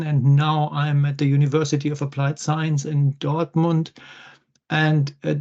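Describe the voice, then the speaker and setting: Creaky, higher-pitched middle-aged man. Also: darkish tone. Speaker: panelist, university lecturer. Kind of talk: conversational self-introduction at an online roundtable. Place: online video meeting. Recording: slightly dull online call audio.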